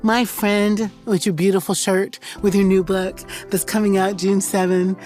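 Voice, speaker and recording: A woman's voice: medium pitch, flat delivery, normal speed, faint music behind. A woman hosting a podcast as a reverend, talking in an exuberant, emphatic, playful way. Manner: exuberant, emphatic and playful, shifts between loud and soft. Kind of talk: casual podcast conversation. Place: New York.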